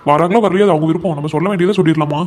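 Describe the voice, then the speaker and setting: Man voicing a fast, high-voiced devoted cartoon husband. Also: a little mellow, lightly acted. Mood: pleading. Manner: earnest, pleading, stubbornly defends his wife. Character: young husband torn between his mother and wife. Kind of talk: cartoon voice acting.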